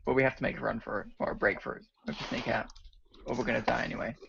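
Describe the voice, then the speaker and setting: A man's voice: mid-range voice, steady tone, rapid-fire, gravelly. A man playing in a tabletop game, talking casually and hesitantly with lots of "like". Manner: hesitant, full of "like". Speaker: player. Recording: muffled lo-fi recording with faint noise.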